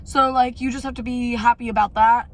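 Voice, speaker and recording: A woman's voice: fairly high pitch, steady tone, fairly quick. A young woman talking casually and candidly in a rambling life-update vlog, with some mild swearing. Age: young adult. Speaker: vlogger.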